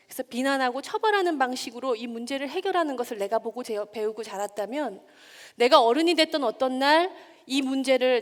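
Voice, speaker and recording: A woman in her forties giving a public talk to a live audience, engaging them with questions. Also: a little high. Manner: warm, engaging, asks the audience questions and acts out scolding lines. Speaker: speaker giving a stage talk. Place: lecture hall stage. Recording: long reverb of a hall.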